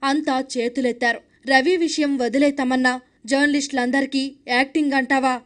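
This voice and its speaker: A woman narrating a scripted news recap in a steady reading voice. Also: high voice, moderate pace.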